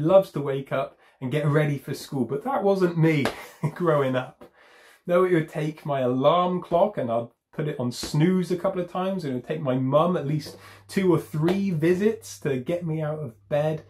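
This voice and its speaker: A man's voice: fairly high pitch, darkish tone. A man preaching a sermon in an emphatic, conversational way, repeating key phrases and adding light self-deprecating humour.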